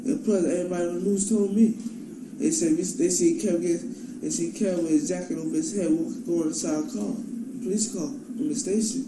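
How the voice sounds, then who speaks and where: A young man answers police questions in a jittery, evasive way, denying things haltingly and repeating his words. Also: high voice, steady tone, far from the mic. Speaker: suspect being interrogated. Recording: echoey, noisy archival interrogation recording from afar.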